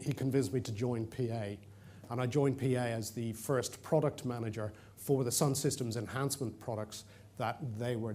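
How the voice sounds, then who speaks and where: A middle-aged Irishman with an Irish accent gives a chatty, self-deprecating talk to an audience in a conference room, using fillers and restarts. His voice is medium-pitched and warm.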